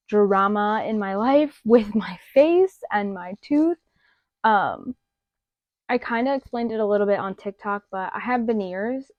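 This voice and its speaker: A woman vlogging about makeup in a chatty, expressive, rambling way, with a slight lisp. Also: mid-range voice, no echo. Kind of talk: casual chat. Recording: dull lo-fi dry sound.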